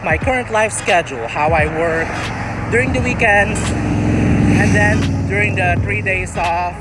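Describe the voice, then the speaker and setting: A man's voice: high-pitched, measured pace, heavy background noise. A man chatting casually as a vlogger, giving earnest, encouraging advice and rambling as he searches for words. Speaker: vlogger answering viewer questions.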